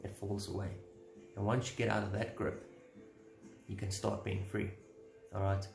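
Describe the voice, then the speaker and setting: A man's voice: fairly low pitch, flat delivery, normal speed, gravelly, echoey room, music in the background. A man giving a casual devotional talk, conversational and earnest, posing rhetorical questions to his listeners.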